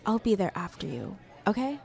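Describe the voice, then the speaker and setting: A young woman voicing a jealous girl who confesses her feelings to a friend, speaking softly and intimately to the listener. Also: mid-range voice, very animated, moderate pace, creaky. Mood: teasing, playful. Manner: soft, intimate, addressing the listener directly. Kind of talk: audio roleplay to a listener.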